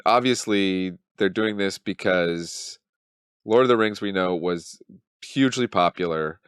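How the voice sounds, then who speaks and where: With a cold, a male channel host in his thirties delivers casual commentary, wry and mock-dramatic, thinking aloud through frequent ums. His voice sits low and sounds fairly bright, clear and resonant. The clean studio sound has no echo.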